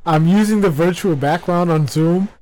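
A man's voice: high voice, normal speed, a little mellow. A man co-hosting a podcast from home over a video call, laid-back, giggly and teasing. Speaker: podcast co-host. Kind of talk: casual chat. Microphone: computer video call.

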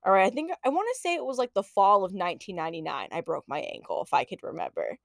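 A woman in her late twenties hosting a podcast, telling a personal story in a casual, animated, profane way and laughing often. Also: mid-range voice, fast talker, vocal fry, dry recording, clean studio sound. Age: late 20s. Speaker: podcast host.

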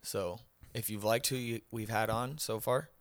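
A man's voice: on the low side, fairly even intonation, normal speed, no room sound. A man with a Texan accent co-hosting a podcast, joking and teasing his partner. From Texas. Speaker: podcast co-host. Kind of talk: casual podcast chat.

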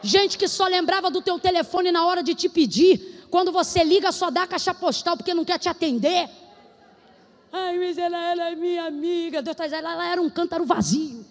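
High-pitched woman preaching in a reverberant hall. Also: quick pace, hardly any pauses. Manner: shouted prophetic declarations, then conversational. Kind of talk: sermon.

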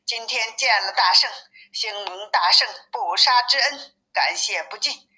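A scheming turtle-dragon demon lord of the river, haughty and full of himself, as a woman reader puts him on. The voice sits high and bright. It is told in the plain manner of a storybook reading. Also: unhurried, low-quality recording. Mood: pleading. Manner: haughty, then pleading.

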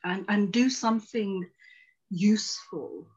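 Here a woman speaks slowly in a mid-range voice through a muffled recording. She is a psychotherapist in her forties from Tanzania, a guest on a video call, reflecting earnestly on her life story in conversation.

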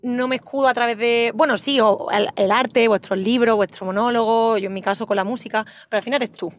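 A woman's voice: a little high, fairly even intonation, fairly quick. A woman co-hosting a casual interview in a car, asking long, rambling questions. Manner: chatty, rambling questions with restarts. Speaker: co-host. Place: inside a car.

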